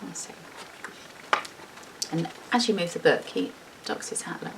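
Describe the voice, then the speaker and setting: Reading to a group of children, a female teacher uses a fairly low, gravelly voice that is animated yet measured in pace. She gives the story an expressive reading and mixes in informal asides while displaying the pictures. A distant microphone catches her along with faint background noise.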